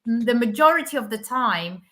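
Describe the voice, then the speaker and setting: Brief: British woman guest, bright and crisp, bemused storyteller. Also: fairly high pitch, animated. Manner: bemused, measured, hesitant fillers. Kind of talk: casual chat.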